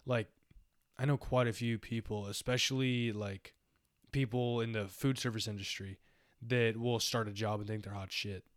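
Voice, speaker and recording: A man's voice: on the low side, fairly even intonation, moderate pace, dry recording, studio quality. A young man co-hosting a podcast, musing in casual philosophical chat with a lot of "like" and "you know". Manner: rambling, reflective, heavy use of "like". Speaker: podcast co-host.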